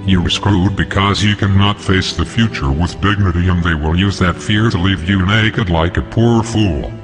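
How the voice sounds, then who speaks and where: A man speaking through a disguised deep, pitched-down voice, delivering a scripted manifesto in a defiant, declaiming manner. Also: moderate pace. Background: music.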